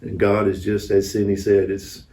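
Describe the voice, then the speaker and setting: Level and dark in tone, this lowish male voice runs at normal speed while he relates mission anecdotes in a folksy style during an interview. The room is echoey and the mic distant.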